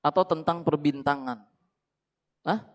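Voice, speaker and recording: A man's voice: on the high side, a little slow, poor audio. Chatty man teaching a religious book. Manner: chatty, poses questions to listeners and corrects himself aloud. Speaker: Islamic teacher. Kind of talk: casual religious book study.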